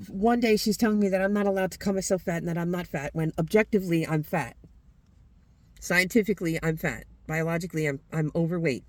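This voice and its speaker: A woman's voice: lowish voice, darkish tone, dry recording, low-quality recording. A woman vlogger delivering a heated, blunt, profane rant straight to camera. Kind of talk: ranting monologue to camera.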